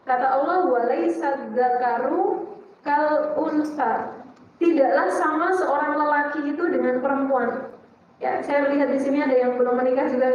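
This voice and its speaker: A woman's voice: high voice, a little hiss or hum. Woman ustadzah w javanese-tinged indonesian, playful q-and-a teaching, far from the mic, kinda dull sound. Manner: lively, asks and answers her own questions, playful. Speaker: Islamic teacher and psychologist. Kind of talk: religious study talk to women. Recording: echoey hall, distant dull mic.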